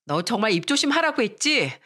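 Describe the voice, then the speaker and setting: A woman's voice: a little high, sing-song, brisk, sharp tone, exaggerated voice. A woman voicing a poor schoolgirl who talks back in a heated, defiant way. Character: poor schoolgirl standing up for her father.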